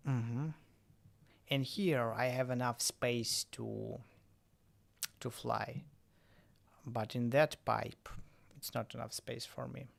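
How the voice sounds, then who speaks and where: Male streamer, English speaker, unhurried delivery with a gravelly edge. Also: mid-range voice, steady tone. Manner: halting, self-correcting non-native English. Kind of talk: casual game stream chat.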